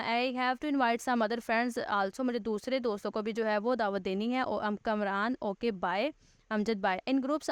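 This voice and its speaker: In a recorded grammar lesson, a woman teacher reads English text slowly, then patiently explains it step by step and rephrases her points. Her voice sits on the high side and is smooth, with no room sound.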